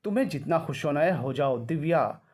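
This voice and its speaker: A man's voice: fairly high pitch, lively intonation, brisk, darkish tone. A man voicing a spoiled, obsessive young woman. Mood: defiant. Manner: snappish, defiant.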